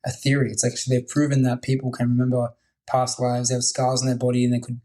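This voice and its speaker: A male podcast host with a mellow, dark-toned voice and a mid-range pitch. He talks with keen enthusiasm in a loose, casual way and leans heavily on "like" as a filler. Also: completely flat delivery, fast talker, poor audio.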